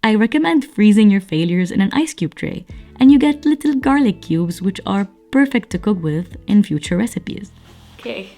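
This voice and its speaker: A woman's voice: medium pitch, a little mellow. A young woman, hosting a home cooking vlog in a playful, chatty way and talking straight to her viewers. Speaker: cooking channel host. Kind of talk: casual recipe vlog narration.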